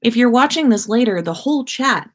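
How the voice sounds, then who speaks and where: A woman's voice: on the high side, animated, brisk. A woman hosting a livestream from her bedroom, chatting eagerly and restarting her sentences. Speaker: podcast host. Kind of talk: casual livestream chat.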